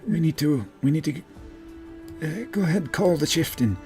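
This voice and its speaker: A man's voice: on the high side, animated, moderate pace, darkish tone, soft background music, voice pushed up, close to an everyday voice. [name], a man doing an elf woman. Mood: brisk.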